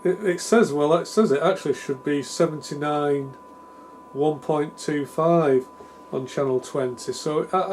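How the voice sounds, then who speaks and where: A hobbyist radio repair presenter gives a casual, improvised technical demonstration, thinking aloud in a tentative, self-deprecating way. His voice is a little high and a little mellow. The recording is clear but has background noise with hum.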